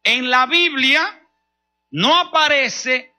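A man's voice: very high voice, drawn-out words, sharp tone. A middle-aged man with a Dominican accent, preaching a sermon with humor and telling stories straight to the congregation. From Dominican Republic. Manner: humorous, storytelling, addressing the congregation directly. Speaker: pastor.

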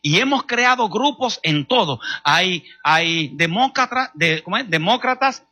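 Speaking straight to his congregation, a middle-aged Dominican pastor delivers a sermon packed with humor and storytelling. He has a Dominican accent and a high, bright voice with a forceful tone. His delivery is expressive and measured in pace.

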